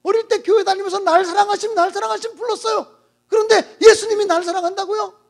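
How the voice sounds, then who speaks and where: A preacher acting out a bitter, desperate young woman dying of lung disease, shouting and sobbing her accusations. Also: very high voice, steady tone, fast talker, vocal fry. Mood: scornful.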